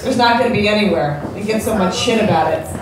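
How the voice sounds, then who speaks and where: A woman's voice: mid-range voice, fast, a loud crowd. An American woman in her forties performing live stand-up comedy in a brash, profane, conversational way. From upstate New York, United States. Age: 40s. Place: indoor comedy show with live audience. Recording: echoey, noisy club recording from far off.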